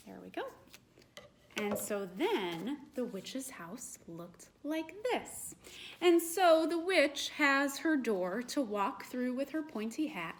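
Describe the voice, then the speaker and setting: A gentle woman librarian tells a story for children, often pausing to ask questions. Her voice is fairly high. She speaks slowly and patiently. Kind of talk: storytime read-aloud.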